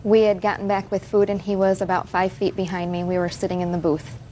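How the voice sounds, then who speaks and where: A woman of medium pitch testifies as a plaintiff. Her answers are short and factual, with a little courtroom noise behind her. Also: little pitch movement, quick pace, mellow, poor audio. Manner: brief, matter-of-fact. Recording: faint background noise, courtroom.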